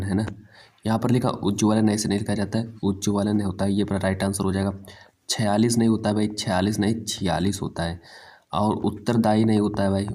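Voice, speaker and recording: A man's voice: on the low side, dark tone. A man teaching an exam-prep language lesson, drilling each word over and over and calling his students "bhai".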